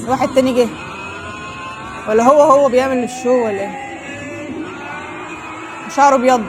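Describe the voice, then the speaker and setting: Quick, high-pitched Egyptian woman reacting. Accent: Egyptian Arabic. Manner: exclaiming, teasing, laughs often. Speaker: anime YouTuber. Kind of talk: reaction commentary.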